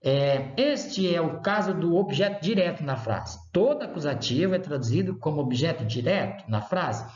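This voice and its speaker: A Brazilian male professor gives a lecture in a lively, animated voice that often rises and falls. He speaks with a Brazilian Portuguese accent, repeats examples slowly, and checks in often with his students. The recording is dull, lo-fi and echoes in the room. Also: fairly high pitch. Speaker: university Latin professor. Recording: roomy, dull lo-fi sound.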